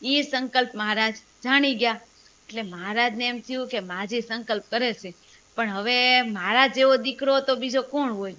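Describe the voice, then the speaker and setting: Woman, devotional storyteller, bright tone, slightly high voice. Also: normal speed. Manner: storytelling with quoted dialogue. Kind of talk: religious story narration.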